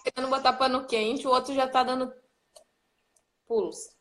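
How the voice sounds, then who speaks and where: A woman with a fairly high voice chimes in on a live stream, adding short, agreeing remarks as her co-host talks. She keeps her comments brief and casual. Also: steady tone, normal speed, a bit bright. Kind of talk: casual chat.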